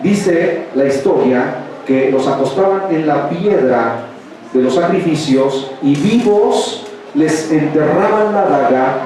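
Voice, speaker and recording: Animated but slow, a pastor with a high-leaning, darkish voice delivers a sermon in a Mexican Spanish accent, peppering the congregation with rhetorical questions. He is a Mexican man in a large church hall, recorded from a distant mic in an echoey space with the congregation audible.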